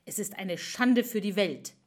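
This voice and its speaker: A woman's voice: medium pitch, measured pace, lightly acted. A woman voicing a jealous, cruel goddess who gives scornful commands to her servants. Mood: imperious.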